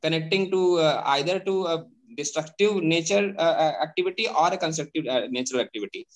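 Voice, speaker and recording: A man with an Indian English accent, a cafe founder talking earnestly in an interview, pausing often with "uh". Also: a little high, rough recording. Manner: earnest, many hesitations. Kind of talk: video call interview.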